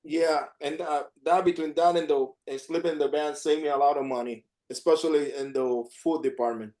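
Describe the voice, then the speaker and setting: A man's voice: on the high side, steady tone, a little fast, darkish tone. A man, an artist, chatting casually and rambling on a video call, often repeating himself. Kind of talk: casual chat.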